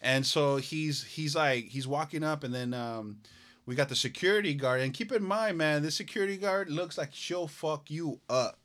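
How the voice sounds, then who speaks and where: A man co-hosting a casual podcast, telling a story in a profane, animated way and acting out the voices of the people in it. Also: fairly high pitch, normal speed. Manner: profane, animated, laughing, acts out quoted voices. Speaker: podcast co-host.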